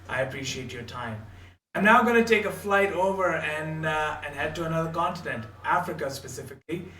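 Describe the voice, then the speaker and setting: A man hosts an online panel, speaking in a polished manner with a slightly high voice. His voice sounds roomy and a little distant from the mic. A faint hum sits behind it. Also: brisk, pushed and bright. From Canada. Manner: polished, quotes proverbs. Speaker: panel moderator. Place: home office in Ontario.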